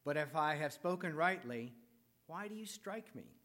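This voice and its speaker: A man reading the part of Jesus, calm and grown, in a church scripture reading with a measured, plain voice. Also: a little high. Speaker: scripture reader.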